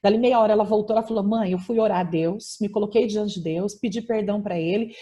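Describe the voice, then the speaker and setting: A woman's voice: mid-range voice, fairly even intonation, fast, warm tone. A woman pastor with a Brazilian Portuguese accent, preaching and giving a personal testimony over a video call, emphatic, with frequent tag questions.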